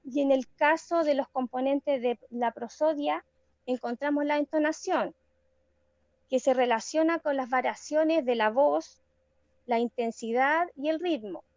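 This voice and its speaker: A woman presents to her class over a video call, explaining terms step by step with the odd hesitant pause. Her voice sits high and sounds dry and close. The call audio is somewhat muffled. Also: darkish tone, no room sound. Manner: explanatory, measured, with hesitant fillers.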